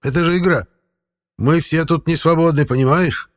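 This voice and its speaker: Man doing a creaky old forest spirit. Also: a little high, normal speed, voice pushed up, close to an everyday voice. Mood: grumbling. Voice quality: slightly creaky. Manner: folksy, grumbling. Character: grumpy old male forest spirit, small, sly.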